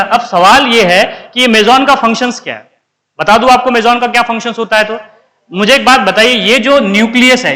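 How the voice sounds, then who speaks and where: A man's voice: very high-pitched, pushed and bright. A man teaching chemistry in a classroom, often asking the class questions and then answering them himself. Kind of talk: classroom lecture.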